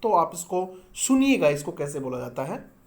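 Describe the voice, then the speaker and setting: A woman's voice: low voice, very animated, normal speed. Patient woman teaching an English lesson. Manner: patient, explains step by step and answers own questions; addresses viewers as students. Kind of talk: online language lesson.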